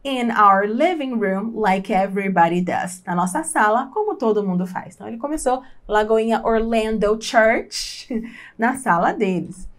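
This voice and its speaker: A woman's voice: fairly high pitch, a little slow. A woman with a Brazilian Portuguese accent teaching an English lesson. She repeats each phrase, translates it, and laughs lightly now and then. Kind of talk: language lesson explanation.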